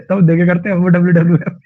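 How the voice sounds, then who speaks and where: A male teacher with a Haryanvi-tinged Hindi accent, giving an online vocabulary lesson in a chatty, jokey way with lively anecdotes. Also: on the high side, fast, phone-quality sound.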